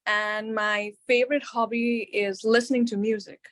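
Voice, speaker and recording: A woman from India, a law student, introducing herself smoothly on a video call. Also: a little high, flat delivery, normal speed, a bit bright.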